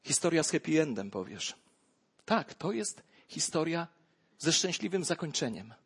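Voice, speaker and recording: Husky guy preaching, high-ish voice, goes from hushed to shouty telling a story. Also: very animated, normal speed. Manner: dramatic storytelling, swinging from hushed to loud exclamations. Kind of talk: sermon.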